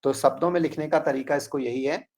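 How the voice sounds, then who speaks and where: A man teaching an online math class in a slow, deliberate way, reading out numbers digit by digit. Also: on the high side, darkish tone.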